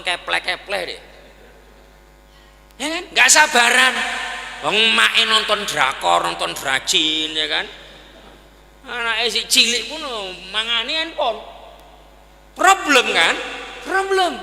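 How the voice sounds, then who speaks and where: Bright-voiced man preaching in an echoing hall. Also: high voice, vocal fry. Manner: folksy, conversational, often asking for the audience's agreement. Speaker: Islamic preacher. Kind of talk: sermon. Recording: echoey hall with long reverb.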